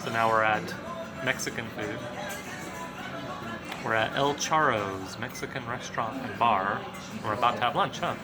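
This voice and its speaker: A man's voice: mid-range voice, normal speed, long pauses, loud music behind the voice. A man chatting casually as he vlogs out and about around shops and a mall, often checking in with a companion. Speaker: video game collecting vlogger. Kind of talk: casual vlog chat. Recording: noisy on-location vlog, traffic and ambience.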